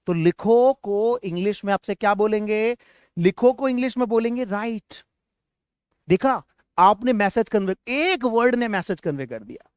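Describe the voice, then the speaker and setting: A man's voice: high voice, dry recording, studio quality. A man with an Indian accent teaching an online English class, calling out words for students to repeat and quizzing them as he goes. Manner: encouraging, asks the class questions. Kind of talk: online English lesson with drills.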